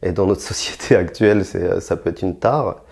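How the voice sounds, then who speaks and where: A young rapper from France, interviewed, speaks at a moderate pace in a creaky, darkish voice. His answers are blunt and provocative, peppered with fillers and restarts, and he gets higher and more forceful when heated.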